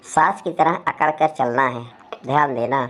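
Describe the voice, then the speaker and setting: A woman's voice: very deep voice, measured pace. A woman voicing a playful, bossy young sister-in-law in a storybook tale, speaking in a mocking, commanding way. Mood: teasing.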